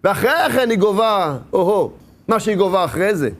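A man giving an emphatic sermon as a rabbi, asking rhetorical questions and swinging his voice up and down. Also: high voice.

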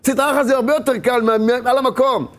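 A man's voice: very high-pitched, fairly even intonation. A man giving an emphatic sermon as a rabbi, asking rhetorical questions and swinging his voice up and down.

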